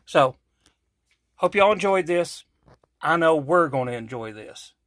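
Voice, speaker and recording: A man's voice: a little high, animated, a little slow, fairly bright tone, no room sound. Appalachian man hosting a cooking vlog. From Kentucky, USA. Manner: folksy, self-correcting, chatty asides. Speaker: cooking channel host. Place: home kitchen.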